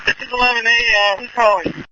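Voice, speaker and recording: Over a dull, noisy two-way radio comes a man's very high-pitched voice. He is a firefighter sending urgent reports in short, halting bursts. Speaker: firefighter on an interior crew.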